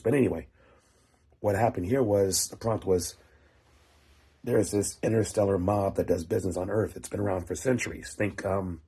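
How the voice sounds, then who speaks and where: A writer and vlog host with a very low, husky voice rambles through an off-the-cuff story. His dark, mellow tone carries a phlegmy rasp, and he talks casually in short, halting phrases, pausing as the tale builds.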